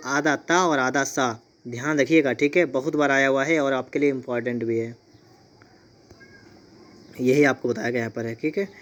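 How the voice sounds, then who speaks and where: A man teaching Hindi spelling for exam preparation, patiently explaining each option and repeating key points. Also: mid-range voice. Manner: patient, repeats points, says "ठीक है" often.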